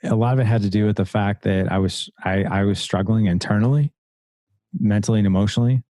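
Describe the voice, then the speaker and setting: A man's voice: on the low side, fairly even intonation, fast talker, warm tone, no room sound. A middle-aged man, a coach and podcast guest, talking earnestly and repeating his key points. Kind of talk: conversational podcast interview.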